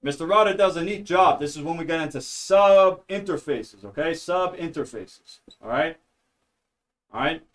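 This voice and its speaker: A man with a slightly higher voice runs a casual study stream, explaining networking in a loose, talkative way. He keeps checking in with listeners and throws in little jokes. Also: moderate pace, a bit bright. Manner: rambling and talkative, says "all right?" and "okay?" constantly; jokey, mutters to himself. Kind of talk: casual live-stream teaching.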